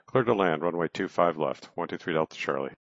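A man's voice: low voice, a little fast. A man radioing air traffic control from a cockpit headset, giving clipped procedural readbacks. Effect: pilot radio over cockpit headset. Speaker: private pilot. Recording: dull lo-fi radio transmission.

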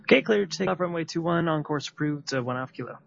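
Pilot over the radio: a quick, clipped man on a dull, lo-fi channel. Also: a little high, lively intonation, gravelly, a bit bright. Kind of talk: radio calls to air traffic control.

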